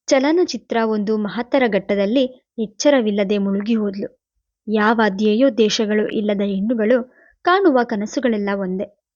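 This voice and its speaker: A woman narrating a novel as an audiobook, in a steady, even storytelling manner. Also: mid-range voice, unhurried, no room sound, lo-fi sound. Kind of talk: novel reading.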